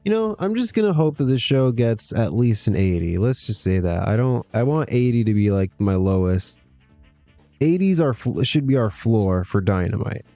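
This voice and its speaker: A man with a lowish, sing-song, mellow voice streams a wrestling management game, chatting casually to himself and laughing often at the results. He speaks at a moderate pace, and the dry recording has faint music in the background.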